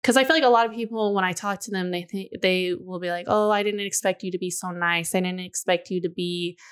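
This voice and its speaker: Her pitch is fairly low and her intonation fairly even, with a clean tone. She's a podcast co-host in her twenties, chatting casually and confessionally, and her long, drawn-out musings are sprinkled with "like" and frequent "you know"s.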